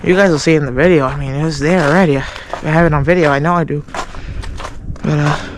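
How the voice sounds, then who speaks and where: A man talks to his viewers outdoors in the snow, winded and restarting his sentences as he goes. His voice sits a bit high. Steady noise runs behind him. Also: fast. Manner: rambling, self-interrupting. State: out of breath. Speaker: vlogger. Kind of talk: casual vlog outdoors.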